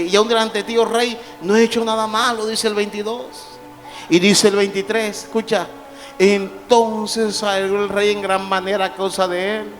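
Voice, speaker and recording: A man preaching a sermon as pastor in a church, calling on the congregation to answer and rising to shouts. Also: high-pitched. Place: church sanctuary. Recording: live church hall with long reverb and faint music.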